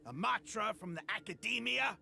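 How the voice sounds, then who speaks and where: An actor playing a defiant, sneering mercenary leader in a video game, with theatrical, overacted delivery and a gravelly voice. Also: male voice, high-pitched, animated, normal speed, crowd noise, full character voice.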